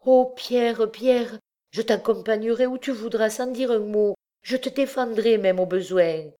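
Pleading mother, emotional and breathless, low-voiced, read by a woman. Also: a little slow, a little mellow, lightly acted. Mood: eager. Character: desperate pleading mother, middle-aged woman.

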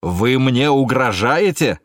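A male reader voicing an indignant middle-aged male suspect who shouts with contempt at a police officer. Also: lowish voice, expressive, normal speed, dry recording, clean studio sound, close to an everyday voice. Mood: enraged. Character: furious defiant middle-aged man, suspect.

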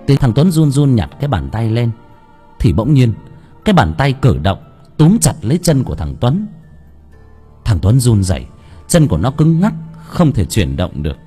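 A man narrating a horror audiobook in an expressive, dramatic way. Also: mid-range voice. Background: faint background music.

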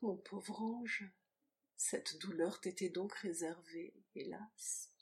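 A woman's voice: fairly high pitch, takes it slowly, darkish tone. A woman reading the part of an anguished young man, a grave, despairing lover who speaks solemnly and then rises into impassioned outbursts.

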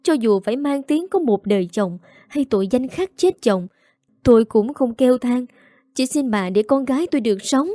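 This is a woman reading a storybook mother, frantic and tearful, her voice climbing as she wails. The tone stays dark and mellow, and the room is dry and close. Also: a little high, lively intonation, moderate pace, no room sound, lightly acted. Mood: wailing. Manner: wailing, pleading. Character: grieving desperate mother, middle-aged woman.

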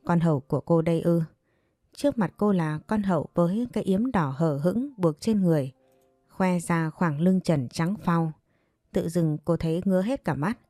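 A woman narrating a scripted story in a steady storytelling manner with dramatic asides. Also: lowish voice, normal speed, no echo, studio quality, soft background music.

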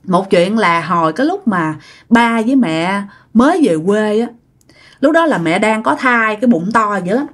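Speaking at a moderate pace in a medium-pitched voice with lively intonation, a Southern Vietnamese woman tells a ghost story aloud. She keeps it chatty and talks straight to her audience.

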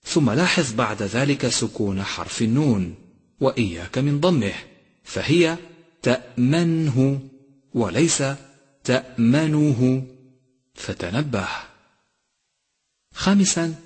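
In a reverberant hall, a man teaches recitation, slowly and deliberately demonstrating pronunciation through recited examples. His medium-pitched voice is animated and husky.

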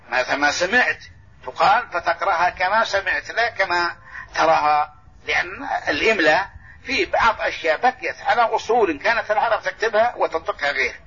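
A man giving a mosque lesson as sheikh, explaining points and restating them. His voice sits high and sounds husky, and he talks quickly. The sound comes from a dull, lo-fi old tape. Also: sharp tone. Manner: corrects and restates points, repeating phrases. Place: large mosque lesson hall.

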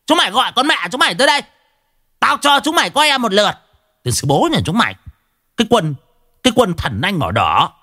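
A man's voice: high-pitched, sing-song, fairly quick, pauses often, bright, forceful tone, pitched above the performer's own voice, full character voice. A man voicing a hot-tempered young man who shrieks insults. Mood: screaming furious. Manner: shrieking, ranting.

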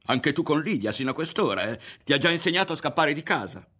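A man's voice: mid-range voice, lively intonation, a little fast, gravelly, a bit bright, husky, exaggerated voice. A man reading aloud, voicing a furious middle-aged mother who screams insults at her son breathlessly. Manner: shrieking, insulting, breathless with rage.

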